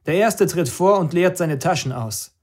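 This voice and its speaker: Man doing a harsh police commander, cold, mocking, clipped orders, raised loud voice. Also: on the high side, lively intonation, normal speed, pitched above the performer's own voice. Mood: commanding. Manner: barked curt orders.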